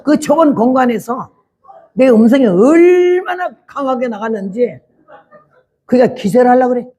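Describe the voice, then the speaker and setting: A woman in her eighties giving a testimony sermon as a missionary preacher, blunt and rough-spoken, acting out scenes with drama. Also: a little high, lively intonation, moderate pace. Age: 80s. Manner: dramatic, acts out scenes loudly.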